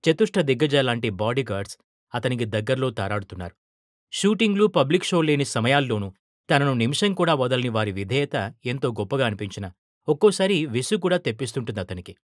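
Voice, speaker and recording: Male storyteller, mid-pitched, steady expressive reading, dry close sound. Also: brisk, dry recording. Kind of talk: scripted narration.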